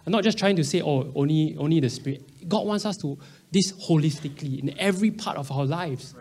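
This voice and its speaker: A Singaporean man in his early thirties preaches in a conversational way. His voice sits a little higher than most men's. He slips freely into Singlish, with its particles and slang, while keeping a Singaporean accent throughout. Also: a little fast, darkish tone, husky. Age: early 30s. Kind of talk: conversational sermon.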